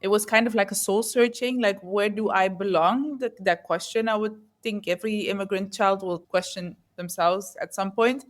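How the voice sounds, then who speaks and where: A woman's voice: mid-range voice, steady tone, moderate pace, hardly any pauses. A woman who grew up in the Netherlands, a guest in an interview, talking in an earnest, reflective way and often searching for words. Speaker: guest entrepreneur.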